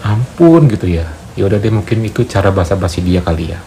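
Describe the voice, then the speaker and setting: A man's voice: sits low, fast talker, noisy background. A young man casually telling a personal story to viewers, chatty and playful. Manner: chatty, animated retelling with playful asides. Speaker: storyteller vlogger.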